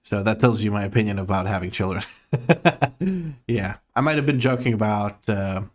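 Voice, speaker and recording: A man's voice: fairly low pitch, steady tone, normal speed. A man from Croatia with an American accent, chatting casually on a live gaming stream, reading chat aloud, laughing often and swearing offhandedly.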